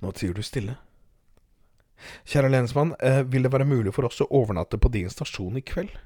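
Man doing a cold bossy countess, low and quiet, curt, dry sound. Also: no room sound, close to an everyday voice. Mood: stern. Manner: curt, commanding. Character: stern cold haughty countess.

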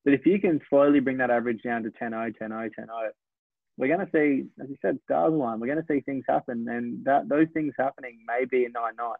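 A man in his twenties from Australia, a sprinter talking through his races in a reflective, measured way, often correcting himself. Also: medium pitch, vocal fry, dry recording. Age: 20s. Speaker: sprinter, interview guest. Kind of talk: casual interview talk. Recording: dry, tinny phone-like line.

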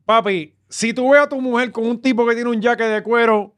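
A man's voice: extremely high pitch, steady tone, fairly quick, a bit bright. A Puerto Rican man hosting a podcast, joking and rambling in casual banter with lots of fillers. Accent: Puerto Rican Spanish. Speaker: podcast host.

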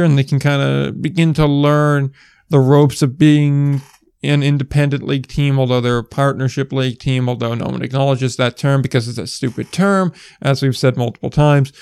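A man's voice: mid-range voice, steady tone, fairly quick, a little mellow, clear, resonant tone, dry recording. A man hosting a casual sports podcast, explaining things at length with dry asides. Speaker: podcast host.

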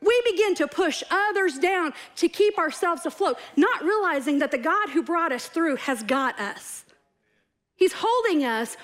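A woman preaching a sermon, animated and humorous, acting out quoted voices. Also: very high voice.

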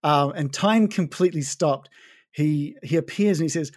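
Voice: medium pitch, normal speed. A game master casually narrating a tabletop game scene, using many fillers.

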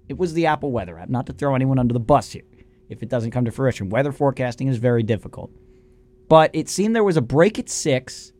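A man co-hosting a casual sports talk show, animated and opinionated as he reasons aloud. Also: medium pitch. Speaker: sports radio co-host.

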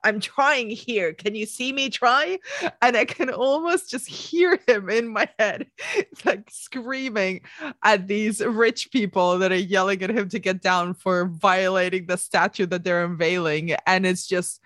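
A woman's voice: mid-range voice, no echo, clean studio sound. A woman, co-hosting a podcast and talking through a film in a casual, earnest way with lots of restarts. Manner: earnest, animated, many restarts. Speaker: podcast co-host.

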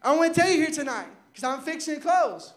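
A young man preaching a fervent Pentecostal sermon, shouting at the peaks while losing his voice. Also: extremely high pitch, expressive, fast.

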